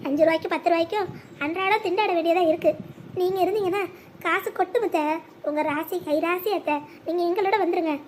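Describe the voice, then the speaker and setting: A voice actor playing a greedy son-in-law who makes sly asides and fawning pleas, in a sped-up, pitch-raised cartoon voice. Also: quick pace, slight background noise.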